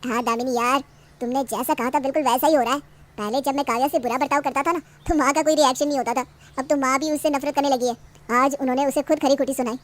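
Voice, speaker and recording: A woman voicing an arrogant young husband who talks in a loud, bossy, mocking way in a storybook cartoon. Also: sits high, steady tone, quick pace, natural voice. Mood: pleased.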